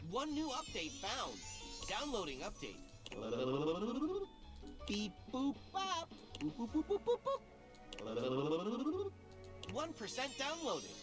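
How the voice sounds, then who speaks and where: A woman's voice: on the high side, wildly swooping pitch, slow, pauses often, over music, full character voice. A woman voicing a cheerful mascot-like dishwasher robot in a game, chanting beeps and boops and reading out update progress in a robotic manner. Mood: robotic, chirpy. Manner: robotic beep-boop chanting, status announcements. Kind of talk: video game voice acting.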